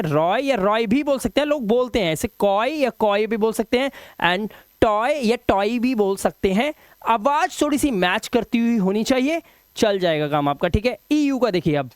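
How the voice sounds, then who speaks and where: A man's voice: high voice, clean tone, dry recording, studio quality. A man teaching English pronunciation rules in a lesson. He asks himself questions and answers them, then drills the words.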